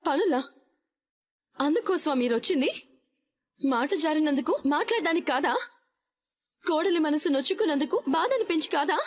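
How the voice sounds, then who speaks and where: An actress playing a wronged, defiant young daughter-in-law in a TV serial, speaking with indignation. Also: female voice, high-pitched, expressive, normal speed, long pauses. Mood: indignant. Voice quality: indignant, pleading. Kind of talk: TV serial acting.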